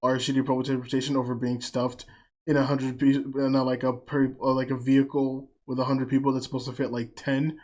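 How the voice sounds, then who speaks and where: A young man from the United States hosting a podcast in casual chat, blunt and teasing and quick to swear. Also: medium pitch, flat delivery, darkish tone. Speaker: podcast host.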